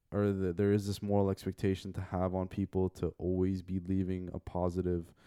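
A man's voice: low voice, warm tone, clear, resonant tone, no room sound, clean studio sound. A man hosting a podcast in casual chat, rambling with many filler words into a handheld mic. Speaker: podcast host.

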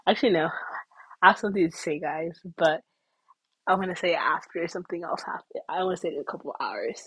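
A young woman vlogger tells a casual story to camera in a fairly low, breathy voice, chatty and full of "like," sometimes slipping into whispers. There's no room sound, and the recording quality is low.

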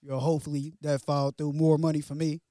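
A man co-hosting a podcast, talking in a laid-back, drawn-out way and often saying "man". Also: fairly high pitch, flat delivery, mellow, no room sound, clean studio sound. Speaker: podcast co-host. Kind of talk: casual chat.

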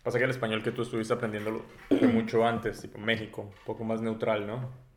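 Animated man telling a story. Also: fairly low pitch, fast talker, echoey room, crowd noise. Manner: animated storyteller, laughing often. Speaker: podcast host. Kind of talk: casual chat.

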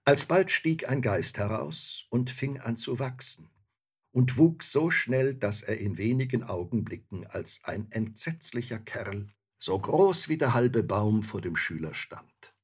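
A man narrating a fairy tale in a slow, measured storytelling manner. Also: mid-range voice, expressive, husky.

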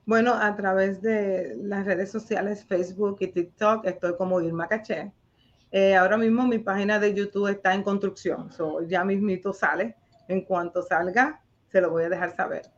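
A woman's voice: medium pitch, lo-fi sound. A woman singer being interviewed as a guest, chatting in a grateful, friendly way. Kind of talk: casual interview chat.

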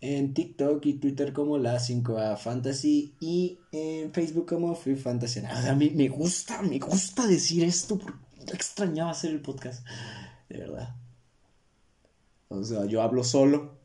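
A man's voice: on the high side, a little slow, warm tone. A young man with a Mexican accent, hosting a solo podcast in a joking, slangy, self-mocking way. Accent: Mexican Spanish. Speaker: podcast host. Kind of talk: casual solo podcast monologue.

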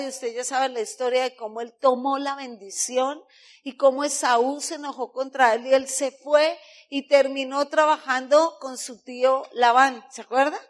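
Woman pastor, high voice, slow unhurried sermon, playful rhetorical questions. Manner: mocks people with put-on voices.

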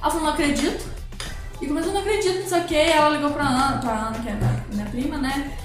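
Young brazilian woman, high voice, talks fast, rambling story, super echoey room. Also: soft background music. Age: young adult. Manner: rambling, animated retelling with quoted dialogue. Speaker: guest. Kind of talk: casual storytelling.

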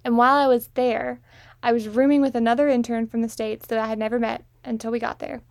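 A woman's voice: a little high, level tone, quick pace, creaky, a little mellow, no room sound, studio quality. A young woman hosting a casual chat, telling personal stories in a chatty way with small laughs sprinkled in. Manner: chatty, anecdotal storytelling with frequent small laughs. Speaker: host.

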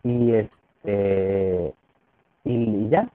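A man with a Mexican accent recounts his own story as an interview guest. His voice sits fairly low and comes through a tinny, phone-like channel with a dry, close sound. He stumbles and restarts often and acts out the lines of the people in his story. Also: steady tone, drawn-out words, no echo. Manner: frequent restarts, acts out quoted dialogue. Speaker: podcast guest. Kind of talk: casual storytelling.

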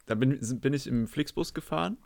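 A man's voice: fairly high pitch, a little fast, creaky, darkish tone. A man from Germany co-hosting a casual podcast, laughing often and egging his co-host on before telling his own story.

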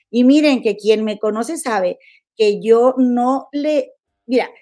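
A woman in her forties with a Mexican accent, hosting a podcast and telling a personal story in a confiding, animated way. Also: a little high. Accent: Mexican Spanish. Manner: confiding, animated, many fillers and repeats. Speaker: podcast host. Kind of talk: casual storytelling to listeners.

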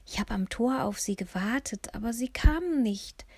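A woman reading an audiobook, voicing a confused, frail old woman in a soft, whispery voice. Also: on the high side, expressive, normal speed, breathy edge, no room sound, pitched above the performer's own voice. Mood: anxious, hopeful.

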